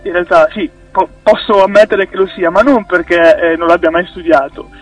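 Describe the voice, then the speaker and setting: A man's voice: high-pitched, fairly even intonation, moderate pace, a bit bright, far from the mic, faint music behind, low-quality recording. A man, a musician guest in a casual radio interview, who talks hesitantly with many restarts and easy laughs.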